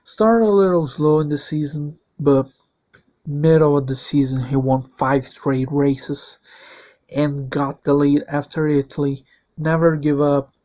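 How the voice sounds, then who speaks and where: A native Portuguese speaker hosts a league channel, voicing a season preview in English with non-native phrasing. His recap is plain and steady, in a voice on the high side. The highs in the audio are cut off.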